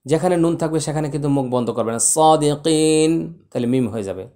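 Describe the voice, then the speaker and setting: A man teaching Quran recitation, spelling out letters slowly and chanting verses with long drawn-out vowels. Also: on the high side, dark tone. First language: Bengali.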